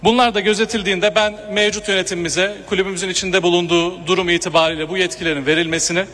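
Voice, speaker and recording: Man at a podium microphone, high bright voice. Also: fairly even intonation. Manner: formal and measured, with hesitating "e" fillers. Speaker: club member addressing a general assembly. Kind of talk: formal speech. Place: speaking at a podium microphone in a large hall. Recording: long hall reverb, faint room noise.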